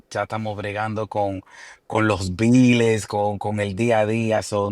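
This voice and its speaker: A man from New York speaks as a guest musician, his voice somewhat low and close to the mic in a dry room. He talks in a relaxed way, with plenty of fillers and some English words slipped in. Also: no room sound. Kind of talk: interview answers.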